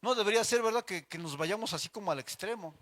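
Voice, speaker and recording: A man's voice: high-pitched, fast talker, a bit bright. A middle-aged man with a Mexican accent teaching an informal church Bible class, chatty and anecdotal, addressing listeners as brothers.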